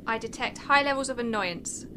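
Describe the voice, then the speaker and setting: A woman voicing a literal-minded female ship computer that speaks flatly and is quietly sarcastic. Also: a little high, moderate pace, noisy background, lightly acted. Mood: deadpan. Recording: music playing behind the voice.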